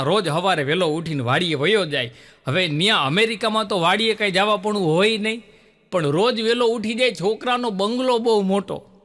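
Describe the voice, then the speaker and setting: A middle-aged male comedian tells folk-style jokes in a high, bright, forceful voice. He jumps into the voices of his characters, then drops back into easy storytelling. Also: in a large hall. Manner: lively storyteller, acts out characters with pitch jumps. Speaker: stand-up comedian telling jokes. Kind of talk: Gujarati folk-style joke telling.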